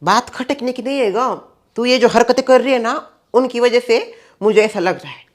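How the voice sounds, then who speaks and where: A man's voice: very high voice, moderate pace, voice pushed up. A man playing an earnest, defiant young adult daughter in a comedy sketch, speaking firmly in a lighter put-on voice. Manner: earnest, firm.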